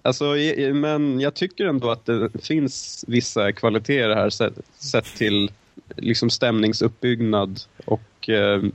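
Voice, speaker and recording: A man's voice: mid-range voice, steady tone, dry recording. A young man co-hosting a casual film review chat, talking in long, winding, hesitant turns. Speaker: film podcast co-host.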